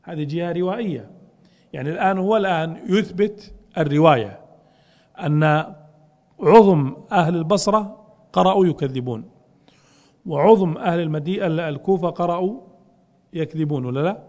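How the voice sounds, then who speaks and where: رجل يشرح نصًا في درس، ويطرح أسئلة ثم يجيب عنها بنفسه. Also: male voice, sits high, brisk, a little mellow, big-room sound. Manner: explains with questions he answers himself. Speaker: teacher explaining a classical text. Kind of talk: lecture.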